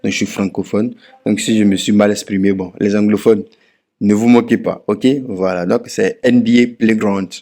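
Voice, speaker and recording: A man from Ivory Coast with an Ivorian French accent and a lowish, warm voice runs a casual screen-walkthrough tutorial as a betting tips YouTuber. He goes step by step, repeating key points for emphasis.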